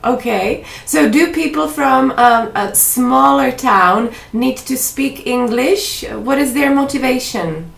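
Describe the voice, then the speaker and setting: High-voiced woman host, distant mic. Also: slow pace, vocal fry, few pauses. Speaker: English teacher, video blog host. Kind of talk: scripted intro, then interview questions.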